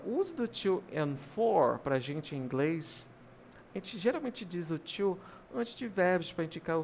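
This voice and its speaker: Guy teaching english over slides, gravelly voice, slows way down on the examples, bit of noise behind. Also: high-pitched, a little mellow. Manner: slows down and stresses each English example sentence. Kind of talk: video lesson explaining slides.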